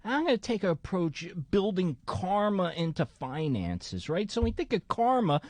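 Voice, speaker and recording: Man, New Jersey accent, radio guest, earnest, lively pitch. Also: moderate pace, no echo. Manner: earnest, explanatory, easygoing. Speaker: accountant guest. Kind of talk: radio interview.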